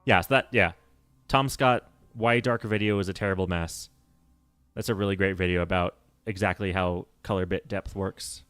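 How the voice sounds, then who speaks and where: During a game livestream, a man with a low, steady, fairly bright and smooth voice chats at normal speed. He rambles, corrects himself, and laughs in a nerdy way, captured in a dry recording.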